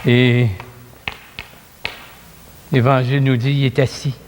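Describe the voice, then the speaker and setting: A man with a Québécois accent preaching a storytelling sermon, animated and chatty, acting out the scenes, in an echoey church hall. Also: mid-range voice, takes it slowly, background noise.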